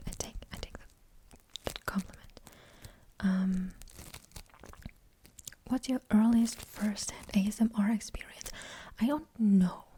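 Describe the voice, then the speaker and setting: A young German woman, an ASMR creator with a light German accent, whispers through a rambling, hesitant question-and-answer chat full of fillers. Her voice is mid-range and warm, with slight background noise.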